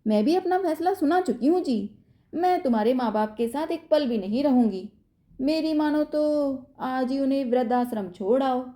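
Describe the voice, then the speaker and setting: A woman's voice: high voice, expressive, moderate pace, voice pushed up. A woman voicing an angry, stubborn young wife who speaks sharply and defiantly. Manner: sharp, defiant, later tearful.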